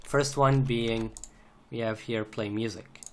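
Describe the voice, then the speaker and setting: A slow, slightly mellow man's voice of medium pitch and fairly even intonation guides viewers through an improvised programming screencast. The track is noisy with typing and clicks as he types along and explains each step in order.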